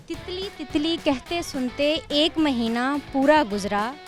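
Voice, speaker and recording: A young woman student with a high voice speaks slowly and deliberately. She recites verse in a measured, expressive way. Faint music sits under her voice. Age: young adult. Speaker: university student, interviewee. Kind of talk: interview answers and poem recitation.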